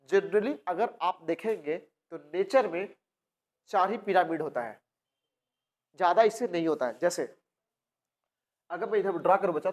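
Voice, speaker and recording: A male biology teacher from India, speaking. He lectures a coaching class, asks questions, answers them himself and repeats key terms. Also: sits high. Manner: addresses students as "बच्चा".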